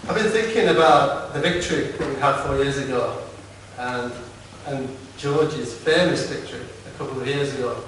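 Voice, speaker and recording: A Lancashire man with a broad accent and a mid-range, slightly bright voice gives an informal campaign speech at a political meeting, halting, repeating words and dropping in wry asides. He's in a large, echoey meeting hall, recorded from far off with a distant microphone and some noise.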